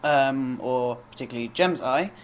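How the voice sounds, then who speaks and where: A young man in his twenties co-hosting a podcast, chatty and quick to laugh, with a few ums along the way. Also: mid-range voice, slight background noise. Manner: chatty, laughs often, hesitant with fillers. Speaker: podcast co-host. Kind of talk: casual chat.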